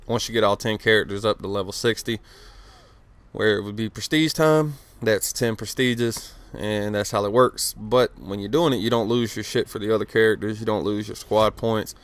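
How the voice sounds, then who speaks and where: A man's voice: lowish voice, steady tone, moderate pace, no room sound. A man in his late twenties giving casual, rambling gameplay commentary outdoors in the cold, swearing freely, with lots of fillers. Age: late 20s. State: cold, a little stuttery. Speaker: gaming commentator. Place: outdoors outside his house.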